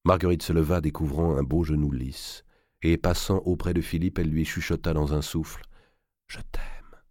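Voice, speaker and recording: A man narrating a historical novel as an expressive audiobook reader. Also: very deep voice, fairly quick, no echo, clean studio sound. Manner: expressive storyteller, varied delivery.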